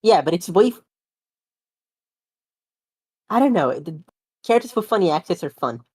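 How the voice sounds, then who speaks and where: A woman chats playfully on a live call, with a low voice for a woman. The sound is dry and close, with no room echo. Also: moderate pace, husky. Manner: chatty, lively and playful. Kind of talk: casual chat.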